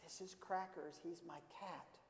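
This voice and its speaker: A man voicing a shy, quiet little boy in a storybook reading, in an echoey church hall. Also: on the high side, steady tone, unhurried. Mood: timid. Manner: soft-spoken, near whisper.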